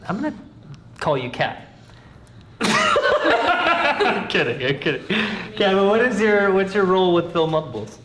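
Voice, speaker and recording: A man's voice: high-pitched, very animated, unhurried, pauses often, heavy background noise. A man interviewing a film team in a casual, joking way, laughing often. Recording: echoey room with crowd behind.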